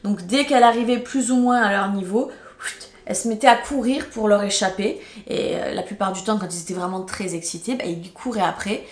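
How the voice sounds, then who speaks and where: A woman's voice: medium pitch, a little fast. A woman from France telling a storytime vlog in an emotional, indignant way, swearing when she gets angry. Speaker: YouTuber. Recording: roomy echo.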